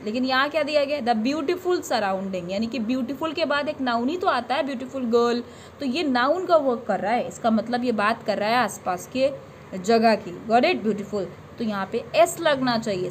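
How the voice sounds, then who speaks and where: A young woman teaching an English grammar lesson, explaining patiently, reading example sentences slowly and often checking that students follow. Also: fairly high pitch, a little hiss or hum.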